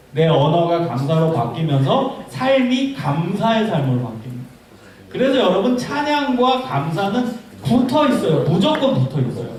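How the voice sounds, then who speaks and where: A man preaching a lively youth sermon as a pastor, joking with the congregation. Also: sits high. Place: church hall. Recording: echoey hall recorded from far off.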